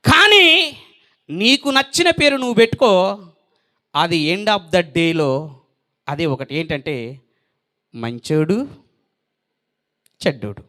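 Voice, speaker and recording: A man's voice: fairly high pitch, expressive, takes it slowly, long pauses, a bit bright. A male evangelist with a Telangana Telugu accent preaching a sermon, pressing the listener with emphatic rhetorical questions and repeated phrases.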